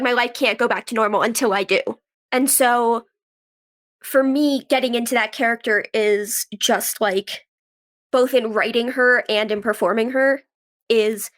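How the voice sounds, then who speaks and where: A woman who is an actress and writer talks casually as an interview guest. Her fairly high, slightly bright voice is conversational and peppered with "like".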